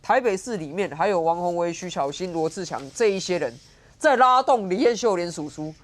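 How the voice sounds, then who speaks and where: Sharp-tongued woman commentator. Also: lowish voice, expressive, a little fast. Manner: sharp, sarcastic, argumentative. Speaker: political commentator guest. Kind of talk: TV political talk show commentary. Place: TV studio.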